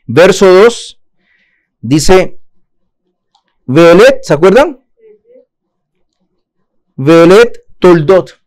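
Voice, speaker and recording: High-voiced man teaching Torah. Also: big pitch swings, extremely slow, long pauses, a little mellow. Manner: asks the audience questions and answers them himself. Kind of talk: Torah lesson to a congregation.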